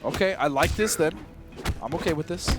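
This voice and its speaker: Male esports co-caster, high-pitched, excitable and reactive, live match commentary with music behind. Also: fairly quick. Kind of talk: live fighting game commentary. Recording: game music under the voice.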